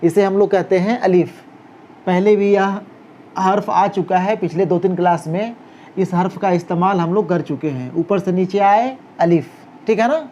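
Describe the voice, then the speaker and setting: A man teaching a handwriting lesson, talking slowly through each stroke as he writes and checking in with a rising "okay?" after every step. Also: sits high, warm tone. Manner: talks while writing, guiding each stroke. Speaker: Urdu teacher. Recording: dull lo-fi recording with faint noise.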